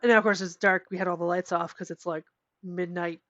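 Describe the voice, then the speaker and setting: Lively, low-voiced woman podcaster. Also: brisk, no echo. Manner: animated storytelling, frequent "like" and swearing. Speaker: podcast co-host. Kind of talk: casual chat. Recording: dry, dull lo-fi podcast audio.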